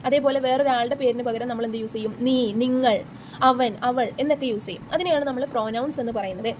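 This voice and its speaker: A woman's voice: on the high side, a little mellow, slight background noise, rough recording. A young woman teacher with a Malayali accent, explaining exam questions step by step and answering her own questions. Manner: reads the textbook text slowly and deliberately. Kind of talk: exam-prep lesson.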